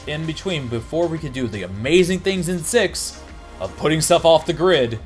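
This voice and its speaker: A man co-hosting a casual gaming podcast, talking in an animated way and jumping into quick quotes. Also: on the high side, soft background music. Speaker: podcast co-host.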